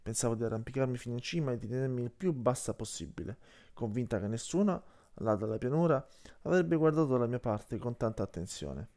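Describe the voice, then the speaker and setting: A man's voice: mid-range voice, fairly quick. A man reading an audiobook aloud, narrating in the first person and voicing each character. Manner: expressive, voices the characters. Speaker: audiobook reader.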